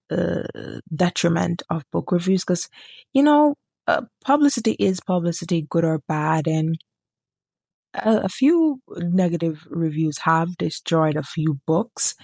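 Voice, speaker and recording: A book reviewer with a low, gravelly, warm voice talks casually to camera about books, rambling and getting sidetracked. She frequently stops to correct herself, and the recording is dry and close, with no room sound.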